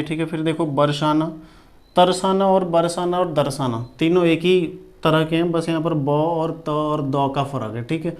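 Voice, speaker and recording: A man teaching shorthand in a lesson, repeating each word slowly and checking in with his students often. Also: a little high. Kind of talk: classroom lesson.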